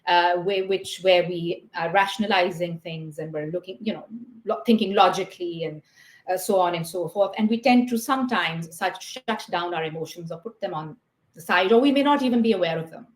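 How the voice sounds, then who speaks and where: A woman from Pakistan talks as a guest therapist over a video call. Her voice sits a little low, and she lays out ideas patiently, circling back with fillers as she goes. The audio has a roomy, echoey quality. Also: brisk. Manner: thoughtful, explains step by step with frequent fillers. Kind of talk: explanatory interview talk.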